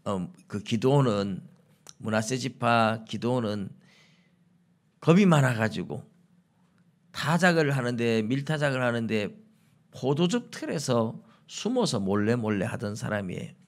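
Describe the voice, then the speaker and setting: A man's voice: lively intonation, measured pace. A middle-aged man, a pastor, preaching a sermon and telling stories, acting out the lines he quotes. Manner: storytelling, acts out quoted lines with rising pitch.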